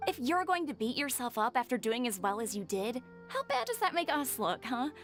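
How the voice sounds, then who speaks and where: A blunt young friend in a video game who cheers her companion on, brash and a touch high. Game music plays softly behind her. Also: sing-song, a little fast. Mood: encouraging.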